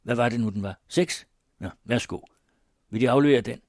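A man's voice: medium pitch, darkish tone, no echo, clean studio sound, natural voice. A man reading the lines of a curt, businesslike army first lieutenant in an audiobook.

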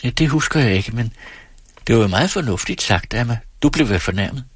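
A man voicing a teasing, restless young married woman in a read-aloud story, in a lightly mocking, quick manner. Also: medium pitch, animated, husky, no echo, voice pushed up.

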